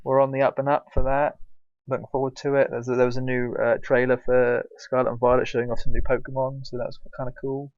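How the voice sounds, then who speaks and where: A man co-hosting a casual podcast chat, talking in a halting, rambling way with fillers and restarts, on a dull lo-fi recording. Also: medium pitch, little pitch movement, darkish tone, dry recording. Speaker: podcast co-host.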